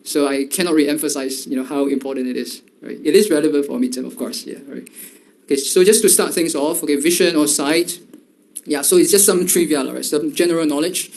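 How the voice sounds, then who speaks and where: A man's voice: fairly high pitch, fairly quick, vocal fry, darkish tone. A male lecturer giving a university lecture, talking in a loose way full of fillers and repeated "right?" checks.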